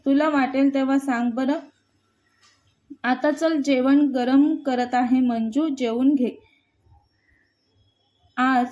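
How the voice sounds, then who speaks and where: Storybook part: woman reading a gentle, concerned lady of the house, high yet mellow. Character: kind caring older female mistress of house.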